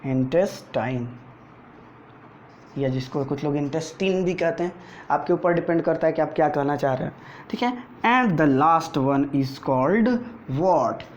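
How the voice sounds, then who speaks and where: A man's voice: on the high side, expressive, unhurried. A male teacher giving a board lecture to school students, asking rhetorical questions, answering them himself and repeating key terms. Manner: repeats key terms, often tags "theek hai". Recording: dull lo-fi recording with faint noise.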